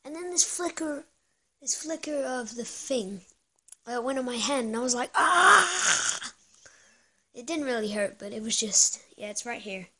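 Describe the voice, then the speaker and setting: A young female vlogger with a hoarse voice, chatting casually with lots of fillers. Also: on the high side, normal speed, slight background noise. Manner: chatty, rambling with many fillers. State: hoarse, lost voice. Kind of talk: casual vlog chat.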